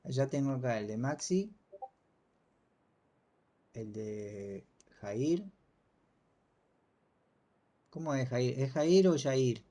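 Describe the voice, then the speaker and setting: Relaxed man teaching online. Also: mid-range voice, drawn-out words, pauses often. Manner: relaxed, hesitant, many fillers. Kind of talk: casual online class. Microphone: video call.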